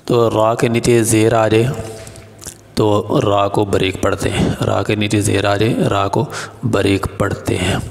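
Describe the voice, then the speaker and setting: A man teaching Quran reading step by step, naming letters and vowel marks and then slowly drawing out each syllable. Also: fairly low pitch, flat delivery, gravelly, big-room sound, faint music behind. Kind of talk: step-by-step recitation lesson.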